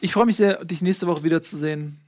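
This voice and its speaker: A male host with a high voice leads a casual football chat. He jokes and needles the others as he steers the conversation. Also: fairly quick, a little mellow. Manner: teasing, joking.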